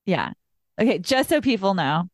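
A woman hosting a podcast, talking in a chatty, animated way and swearing freely. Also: mid-range voice, moderate pace, dry recording, studio quality. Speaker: podcast host. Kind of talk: casual chat.

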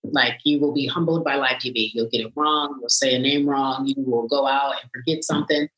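A woman in her thirties, a sports TV anchor, telling stories in casual chat with lively jumps up into a high voice. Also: a little fast, roomy sound, highs cut off. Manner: animated, swoops up high when acting out her reactions.

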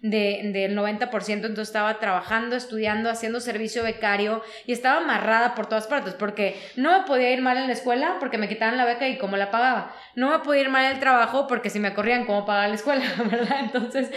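A woman recounts her path in an interview, animated and sprinkled with fillers. Her voice sits a bit high for a woman. The recording sounds echoey, as if the room bounces her words back. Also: fast, hardly any pauses. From Mexico. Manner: animated, frequent fillers like "o sea" and "¿no?". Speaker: guest, HR consultant. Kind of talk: conversational interview storytelling.

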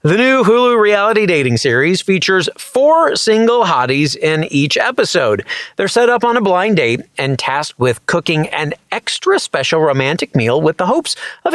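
A man hosts a TV recommendation segment, reading his script with an upbeat, playful promo energy. His voice sits high and leaps around a lot. It is recorded dry and close, with light music underneath. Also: no room sound. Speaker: entertainment show host.

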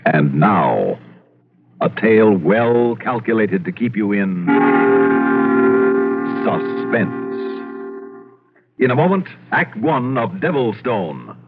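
Old-time radio announcer, male: theatrical and animated, narrowband vintage sound, prominent music. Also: medium pitch. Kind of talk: old-time radio announcer, dramatic introduction and sponsor read. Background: loud music.

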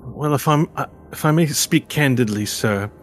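A man voicing a polite, earnest elf chauffeur in a tabletop game, speaking formally and haltingly. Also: medium pitch, slight background noise, pitched above the performer's own voice, natural voice. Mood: measured, candid. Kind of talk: tabletop role-play.

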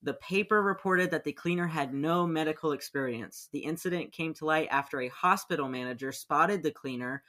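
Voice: medium pitch, brisk, hardly any pauses, sharp tone. Casual young podcast host reading news. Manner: rambling, swears, laughs easily.

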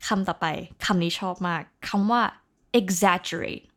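A woman's voice: lowish voice, takes it slowly, faint music behind. A woman hosting a casual vocabulary lesson, chatting along and spelling English words out letter by letter. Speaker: host teaching English vocabulary.

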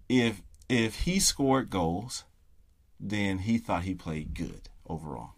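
Middle-aged guy with a low voice doing a casual podcast monologue, leans hard on key words. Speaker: podcast host, soccer parent.

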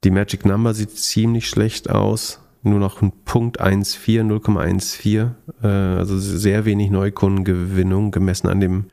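A podcasting man with a lowish, creaky, mellow voice. He talks casually and analytically, feeling his way through points as he thinks aloud. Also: level tone, moderate pace, few pauses. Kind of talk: casual analytical chat about finance.

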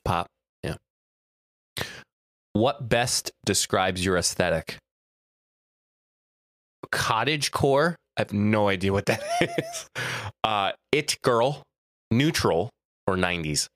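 A man hosts a relaxed chat, reading quiz questions aloud with a playful edge. His pitch swings a lot as he talks, and he laughs often. The sound is dry and close, with no room echo. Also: slow pace, long pauses. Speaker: host. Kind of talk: casual chat.

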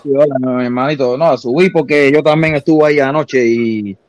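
A man's voice: mid-range voice, brisk, noisy background. A man with a Cuban accent calling into a live stream, talking insistently and repeating his points. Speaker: caller. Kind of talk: heated live-stream debate.

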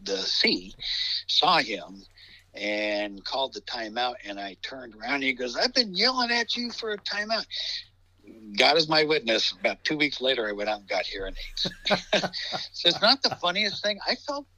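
A man's voice: medium pitch, very animated, moderate pace, pushed and bright, low-quality recording. A man who works as a basketball referee, telling a rueful story with wry, self-deprecating humor. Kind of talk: casual anecdote telling.

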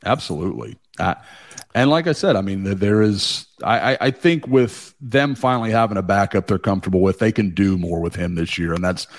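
Animated rambling man, dry sound. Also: lowish voice, brisk, no echo. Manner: animated, rambling, swears casually. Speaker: guest, team beat writer. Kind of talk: casual podcast chat.

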